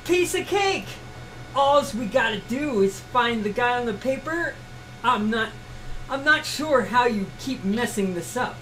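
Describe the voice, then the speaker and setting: A woman's voice: on the high side, expressive, a little slow, a bit bright, a little hiss or hum, low-quality recording. A woman voicing a spunky, sarcastic young woman ex-gang bounty hunter in an amateur comic read-through. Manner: brash, sarcastic, slangy.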